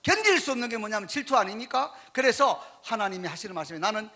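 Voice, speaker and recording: A man interprets a sermon into Korean in a church, speaking with lively emphasis. His voice sits high and bright, and his intonation moves up and down a lot. He also leads the congregation in reading aloud together. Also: quick pace. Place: church sanctuary.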